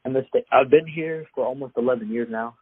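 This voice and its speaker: A young adult man from Afghanistan, a guest fighter, answers questions casually at a quick pace in a medium-pitched voice. His delivery is loose, plain-spoken and packed with fillers. The dry recording sounds husky and tinny, like a phone line.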